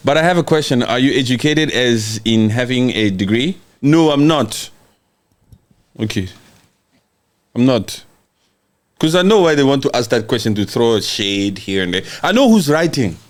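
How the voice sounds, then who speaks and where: This livestream host is a man with a medium-pitched voice who goes through viewer comments aloud, answering each one with cocky teasing and jokes and often bursting into laughter.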